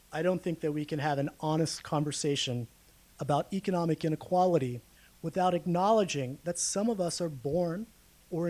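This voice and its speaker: This low-quality recording captures a man whose voice is a little high with a darkish tone. He's a guest researcher giving a public lecture to a live room, casually explaining data and checking in with the people listening.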